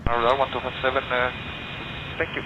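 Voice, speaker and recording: A man radioing air traffic control as a pilot over a cockpit headset, hesitant with many filler pauses. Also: medium pitch, level tone. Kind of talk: radio calls on an online flight sim network. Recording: muffled radio with engine noise.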